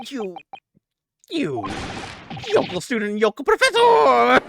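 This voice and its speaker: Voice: medium pitch, huge pitch swings, brisk, background noise. A game player voicing a pompous, mocking prosecutor who blusters insults in a courtroom video game. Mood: indignant. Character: sneering, pompous, excitable prosecutor heckling in court. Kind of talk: video game dialogue read aloud in character. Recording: game music behind the voice.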